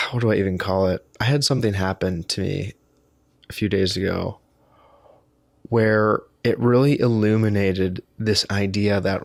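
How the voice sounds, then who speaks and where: A man's voice: fairly low pitch, gravelly, dry recording. A tired man vlogging to the camera in a rambling, self-deprecating way, often restarting his sentences. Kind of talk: casual talk to camera.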